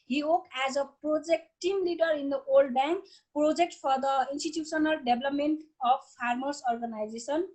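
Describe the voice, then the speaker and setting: A woman from Nepal moderating a panel on a video call, reading speaker introductions haltingly with fillers. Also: sits high. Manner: reads bios haltingly, with fillers.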